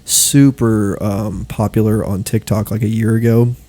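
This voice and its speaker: A man's voice: on the low side, level tone, a little slow, dark tone. A young man co-hosting a casual podcast chat, laughing easily, saying dude a lot and acting out what people said. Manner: laughing storyteller, says dude a lot, acts out quotes. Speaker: podcast co-host.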